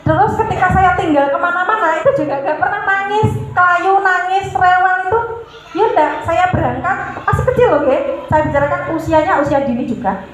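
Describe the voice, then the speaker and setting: A woman's voice: extremely high pitch, brisk, soft background music. A woman giving a religious parenting talk to mothers. She calls her listeners "Bunda" and answers her own questions. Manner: mixes in Javanese words. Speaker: parenting speaker. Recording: very echoey hall with noise.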